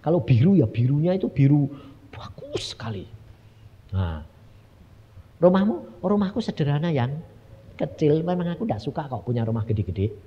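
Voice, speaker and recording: Humble delighted man, Javanese accent, wide pitch swings, voiced by a male preacher; dull hall echo. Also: sing-song, normal speed, pauses often. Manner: wondering, homely, Javanese-tinged. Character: delighted humble man describing his heavenly garden. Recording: dull echoing hall sound.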